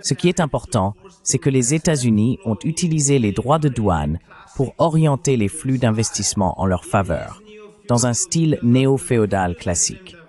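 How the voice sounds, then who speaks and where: A man reads scripted political and economic commentary, formal and didactic in manner, as analytical narration. His mid-range voice is warm and animated, moving at a normal pace.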